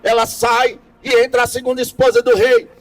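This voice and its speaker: A man telling a parable in slow, dramatic phrases with deliberate pauses. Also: very high-pitched, completely flat delivery, a little hiss or hum. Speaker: storyteller. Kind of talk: storytelling a parable.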